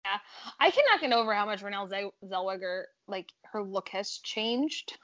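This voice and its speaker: A woman's voice: medium pitch, lively intonation, normal speed, a bit bright, lo-fi sound. A woman co-hosting a casual trailer-reaction chat, chatty and enthusiastic. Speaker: co-host.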